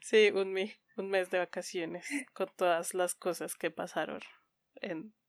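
A woman's voice: on the low side, fairly even intonation, a little slow, dry recording, studio quality. A woman co-hosting a podcast in casual chat, giggly and informal, often poking fun at herself. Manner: giggly, frequently laughing. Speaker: podcast co-host.

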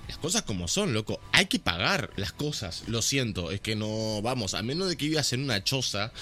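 A man's voice: lowish voice, sing-song, normal speed, bright, forceful tone, soft background music. A young man with a Uruguayan Spanish accent, co-hosting a casual podcast and ranting heatedly, swearing as he goes. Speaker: podcast co-host.

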